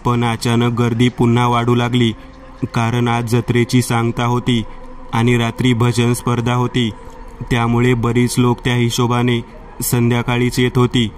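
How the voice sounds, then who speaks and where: Man narrating a horror tale in a flat voice. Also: mid-range voice, normal speed, a little hiss or hum. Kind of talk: scripted narration.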